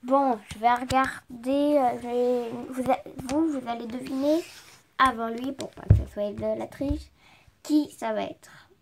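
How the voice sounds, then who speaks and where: A woman's voice: a little high, steady tone, a little slow, slight background noise. A young French woman playing a guessing game on camera, reading its questions aloud and answering them herself in a casual vlog.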